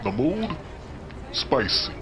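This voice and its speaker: A male actor as a slangy mob doorman in a noir audio drama, mid-pitched and chummy. He rambles like a friendly, none-too-bright wise guy, with faint noise behind him. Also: very animated, slow pace. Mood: evasive, rambling. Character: chummy, chatty male street-tough doorman, dim but friendly.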